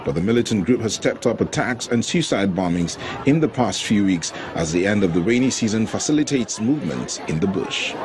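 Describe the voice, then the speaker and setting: A male reporter reads a scripted news voice-over in a fairly low voice. Clear outdoor noise runs behind his narration. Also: lively intonation, fairly quick, few pauses.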